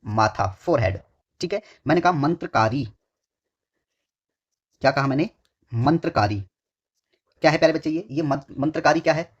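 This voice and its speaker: A man's voice: a little high, animated, moderate pace, long pauses, husky. Repetitive man drilling exam answers. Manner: drills by asking a question and answering it himself; repeats phrases several times. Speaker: Hindi exam tutor. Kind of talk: online exam-prep lesson. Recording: dull lo-fi recording.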